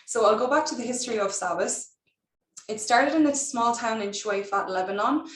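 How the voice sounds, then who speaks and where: A woman's voice: a little high, animated, moderate pace. A woman in her twenties with a west of Ireland accent, giving an informal, explanatory recruitment presentation. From Galway, west of Ireland. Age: 20s. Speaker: recruitment officer. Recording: roomy echo, distant microphone.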